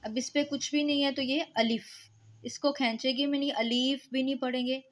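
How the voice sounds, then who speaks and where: A woman's voice: high voice, fairly even intonation, moderate pace. A woman teaching beginners to read Quranic letters, patiently drawing out each sound. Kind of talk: recitation lesson for beginners.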